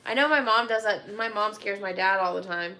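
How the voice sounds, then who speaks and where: A woman's voice: medium pitch, a little fast, bright, forceful tone. A woman co-hosting a casual family livestream, teasing and laughing often. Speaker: co-host, wife.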